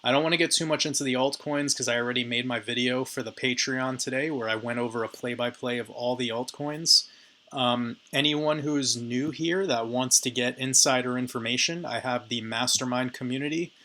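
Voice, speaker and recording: A man with a hoarse, raspy voice giving casual chart analysis commentary on crypto markets and addressing his viewers directly. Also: mid-range voice, fairly even intonation, normal speed, sharp tone. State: hoarse, raspy voice from talking a lot.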